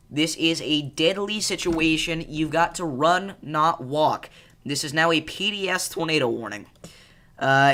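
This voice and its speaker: A man hosting live severe weather coverage, speaking with urgent, emphatic and repeated pleas in a halting, distressed delivery. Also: on the high side, pushed and bright. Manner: urgent, emphatic, repetitive pleading warnings. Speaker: live storm coverage host.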